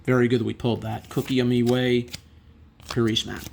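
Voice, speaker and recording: A man's voice: mid-range voice, level tone, brisk, vocal fry. Man doing casual pack-opening commentary, background noise. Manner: reads out card names and effects, then gives brief reactions. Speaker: trading card collector presenting a box opening.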